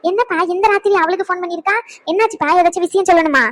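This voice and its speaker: A woman's voice: extremely high pitch, very fast. A woman voicing an anxious middle-aged mother in a cartoon, talking in a fretful, confiding way. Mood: worried. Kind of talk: cartoon voice acting.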